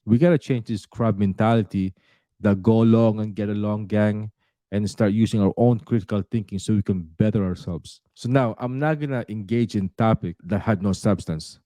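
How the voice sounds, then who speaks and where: A low-pitched, dark-toned man, born in the Philippines, talks to his channel's viewers in a direct, earnest way. He often pauses on "uh" while he gathers his thoughts. The recording is dry and close, with no room sound. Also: no room sound. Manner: earnest, direct, with frequent "uh" fillers. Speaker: realtor and YouTuber. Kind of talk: talking to camera.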